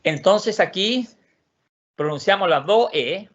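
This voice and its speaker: A man teaching a class online, repeating words slowly to model their pronunciation. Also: high voice, lively intonation, fairly bright tone. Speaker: Swedish teacher. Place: lives in Sweden. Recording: lo-fi muffled audio.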